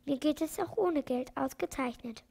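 A kind old storybook doctor who speaks in a calm, firm way, as a woman reader puts him on. The voice sits high, with a gravelly texture. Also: normal speed.

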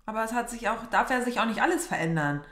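Young female reaction host, casual gushing commentary in a roomy space. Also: quick pace. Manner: chatty, gushing, swings high when excited. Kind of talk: casual commentary on a reality show. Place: small decorated room indoors.

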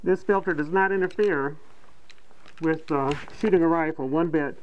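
A man's voice: on the high side, moderate pace. A middle-aged man who hosts a prepper video, speaking muffled through a gas mask as he casually demonstrates gear in a plain-spoken way.

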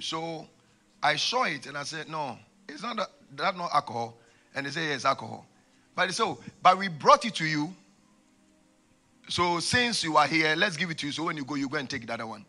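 Man, West African accent, sermon storytelling, slightly high pitch, husky, animated, handheld stage mic. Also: a little fast, pauses often. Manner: animated, repeats phrases for emphasis. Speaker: preacher. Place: large church auditorium, on stage. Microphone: handheld microphone.

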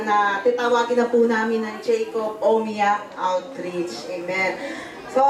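A middle-aged woman speaking politely at a church gathering, giving a halting testimony with many fillers into a handheld microphone. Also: high-pitched, fairly bright tone. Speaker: church member giving outreach history. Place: large bare church hall indoors. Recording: echoey hall, far camera.

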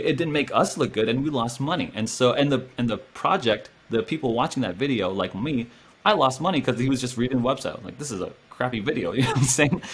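A young man hosts a casual interview from a small room at home, speaking animatedly to the camera and gesturing a lot. His voice is husky and mid-range.

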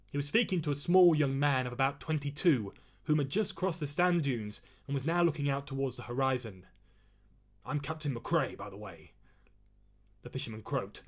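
Brief: male author narrating his book, mid-pitched, measured and expressive. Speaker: author reading his own novel. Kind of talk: audiobook-style reading.

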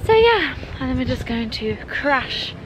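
A woman's voice: high-pitched, very animated, unhurried, low-quality recording. A hungover woman in her twenties chatting casually to a camera held at arm's length while outdoors in a park. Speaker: vlogger. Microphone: handheld camera at arm's length.

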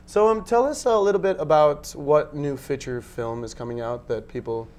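Guy hosting a laid-back interview, jokey and relaxed. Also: a little high, normal speed. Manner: joking, easygoing. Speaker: talk show host. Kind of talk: casual interview.

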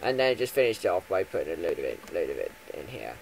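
A man chats his way through a Minecraft let's play, rambling and correcting himself as he goes. His voice swings widely, jumping from loud bursts to trailing mumbles. A faint hiss sits under the recording. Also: sits low, very animated, quick pace, creaky, rough recording. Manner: rambling, chatty, with lots of ums and self-corrections. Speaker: gaming YouTuber.

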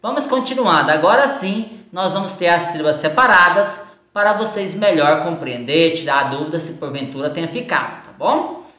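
A woman teacher with a Brazilian Portuguese accent going over exercises in a recorded lesson, slow and patient, stretching words out syllable by syllable. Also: lowish voice, expressive, fairly bright tone. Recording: echoey room sound.

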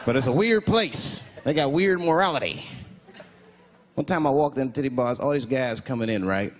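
A male stand-up comedian telling stories in an animated, incredulous manner in front of a live audience. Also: mid-range voice, moderate pace. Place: stage before a live audience. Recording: loud laughing crowd and heavy noise.

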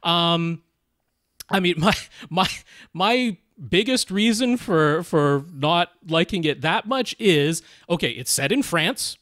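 A man's voice: sits high, expressive, slow, fairly bright tone, no room sound, studio quality. A man co-hosting a podcast, reviewing a movie in casual, chatty talk with frequent laughs. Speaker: podcast co-host.

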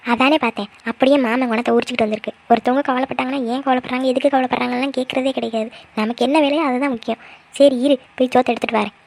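A woman's voice: high-pitched, steady tone, very fast, gravelly, a little mellow. A woman voicing a tearful middle-aged aunt and mother in a cartoon, who pours out her sorrow in pleading, grieving complaints. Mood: scolding. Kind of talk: cartoon voice acting.

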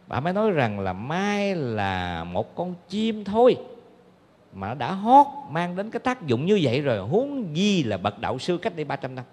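A man giving a Buddhist dharma talk, telling stories in a conversational way with many fillers. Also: mid-range voice. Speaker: Buddhist monk teacher. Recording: long hall reverb.

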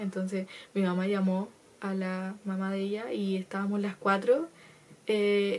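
A woman's voice: medium pitch, a little mellow, a little hiss or hum. A fifteen-year-old girl with a Chilean accent, telling a personal story to camera in a casual, chatty way with lots of laughs. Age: teenager, 15. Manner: chatty, laughs often, acts out quotes. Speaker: vlogger.

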